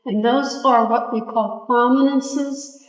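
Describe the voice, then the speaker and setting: Woman guide, raised pitch, slow soft hoarse delivery, roomy off-mic sound. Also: fairly even intonation. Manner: soft-spoken, unhurried. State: losing her voice. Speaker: museum guide. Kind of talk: explaining to visitors. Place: museum observatory room.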